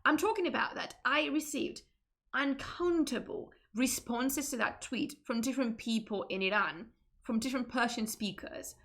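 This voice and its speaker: A streamer from Spain chats casually in English with a Spanish accent, her voice a little high and a bit bright at normal speed. She's chatty, laughs often, and keeps interrupting and restarting herself.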